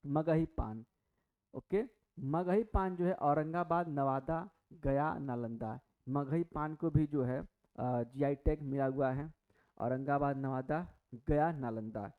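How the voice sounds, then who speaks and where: A man gives an exam-prep lesson in a slightly high voice, putting questions to his class and answering them himself, with plenty of fillers and restarts. The audio is narrow and tinny, like a phone line. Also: takes it slowly. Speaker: teacher.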